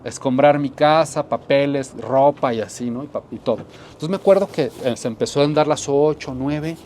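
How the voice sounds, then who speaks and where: A man preaching, sharing a personal testimony with earnest conviction. He repeats key phrases and sinks into quiet tones to stress them, at a middle pitch. A faint hiss sits under the recording. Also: moderate pace. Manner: earnest, repetitive, drops to soft tones for emphasis. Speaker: pastor. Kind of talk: sermon testimony.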